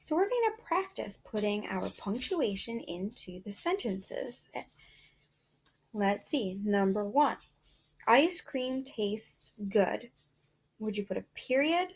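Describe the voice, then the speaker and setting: A woman's voice: mid-range voice, lively intonation, a little slow, a little mellow, breathy edge. A woman teaching a reading lesson to young children in an encouraging, sing-song classroom manner.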